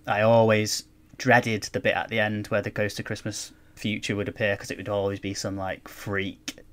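A man's voice: lowish voice, monotone, normal speed. A man chatting casually as a podcast co-host, rambling and laughing often. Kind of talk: casual chat.

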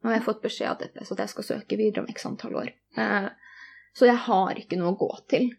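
A woman's voice: medium pitch, vocal fry, a little mellow, slightly rough. A young woman telling a personal story in conversation, earnest and candid, retelling each exchange in detail.

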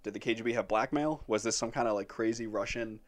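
A lower-voiced man talking through his topic in a loose podcast chat. He rambles, fills pauses with "um" and "like", and breaks into laughs often. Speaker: podcast host presenting the topic.

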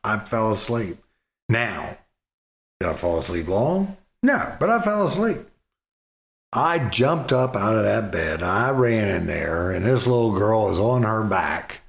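Middle-aged man, low gravelly voice, slow folksy rambling storyteller, echoey room. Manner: folksy, rambling with repeated words. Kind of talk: casual storytelling.

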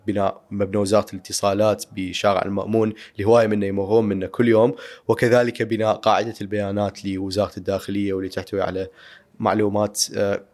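A man with an Iraqi Arabic accent, hosting a podcast and reading a brisk introduction with frequent filler sounds. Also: on the low side, darkish tone. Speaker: podcast host. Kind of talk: scripted introduction.

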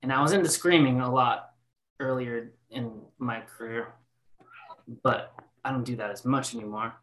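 A man's voice: medium pitch, steady tone, normal speed, a bit bright, slight background noise. A man in his late twenties, a band's singer, answering questions in a casual podcast interview, rambling with lots of fillers and restarts. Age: 20s. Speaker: band singer.

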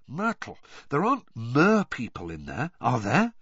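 A man's voice: medium pitch, wildly swooping pitch, measured pace, a bit bright, breathy edge, no echo, exaggerated voice. A man voicing an earnest, indignant teenage boy wizard in an audiobook. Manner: earnest, indignant, a bit awkward. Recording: dry, dull lo-fi recording.

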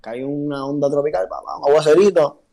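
A man's voice: fairly high pitch, fairly even intonation, fast, creaky, warm tone. A man co-hosting a casual podcast, emphatic and slangy, with constant filler swearing. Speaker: podcast co-host.

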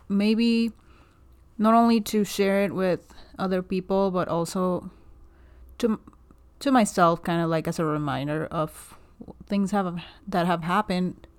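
Soft-spoken hesitant woman in her thirties. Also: fairly low pitch. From Guatemala. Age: 30s. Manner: soft-spoken, hesitant, many fillers and restarts. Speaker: podcast host. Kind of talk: casual solo podcast monologue.

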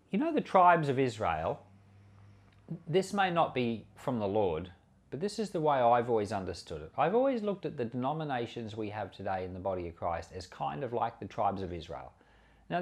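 A pastor and Bible teacher gives an informal sermon commentary on scripture, earnest and conversational, pressing hard on key words. His voice is medium-pitched with a darkish tone.

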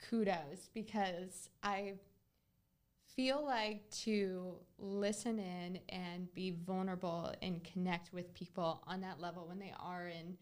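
A woman's voice: on the low side, steady tone, slow pace. A woman hosting a podcast, talking casually and earnestly as she tells a client story. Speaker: podcast host, real estate agent.

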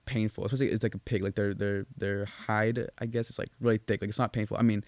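A man's voice: fairly low pitch, flat delivery, fast, dry recording. A young man hosting a casual podcast chat, telling stories in a rambling, profane way with lots of restarts and fillers. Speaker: podcast co-host.

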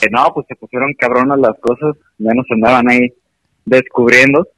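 Mexican guy on the phone, chill and slangy, kinda low voice, dry sound. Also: steady tone, moderate pace, fairly bright tone, dry recording, soft background music. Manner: laid-back and slangy. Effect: heard over a phone call. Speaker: friend called live on the phone. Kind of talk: casual chat.

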